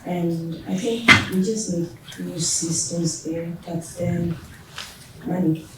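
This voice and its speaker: A woman's voice: fairly low pitch, steady tone, slow pace. A woman speaking up in a workshop discussion, in a thoughtful manner. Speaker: workshop participant. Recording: echoey room, distant mic, background noise.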